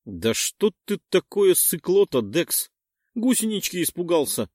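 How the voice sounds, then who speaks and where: A man's voice: medium pitch, brisk, dry recording, studio quality, close to an everyday voice. A man voicing a cheeky young man who teases and taunts. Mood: mocking. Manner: taunting, raised voice.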